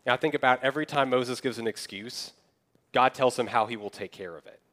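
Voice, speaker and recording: Young man, pastor, sermon, conversational, mid-pitched voice. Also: a little fast, a bit bright. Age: young adult. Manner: conversational preaching, acting out quoted excuses.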